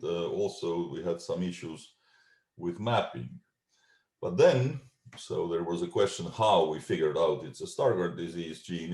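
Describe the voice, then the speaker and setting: A middle-aged man with an Estonian accent giving a scientific talk over a video call, measured and full of ums and uhs. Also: deep voice, a little mellow. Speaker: genetics researcher giving a talk. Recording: echoey room.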